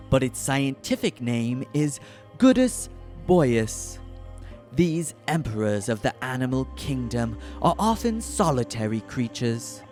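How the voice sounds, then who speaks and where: A narrator reads a mock nature documentary with solemn drama. The pace is slow and deliberate, and the pitch sits in a middle range. Soft music plays behind the voice. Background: background music.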